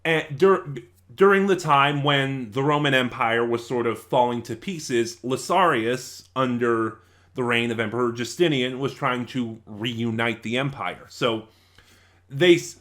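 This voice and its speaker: Speaking in a mid-range voice with a touch of brightness, a man reviews something casually and without a script. He keeps losing his train of thought, rambling and scatterbrained, and fixes his own statements as he goes.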